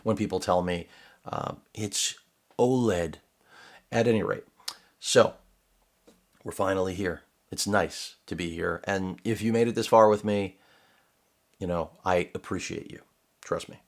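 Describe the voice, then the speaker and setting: A man's voice: low-pitched, normal speed, long pauses. A middle-aged man reviewing a laptop in his home studio, talking casually and wandering off on sarcastic tangents. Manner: rambling, digressive, sarcastic asides. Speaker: tech reviewer. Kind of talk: casual unboxing commentary.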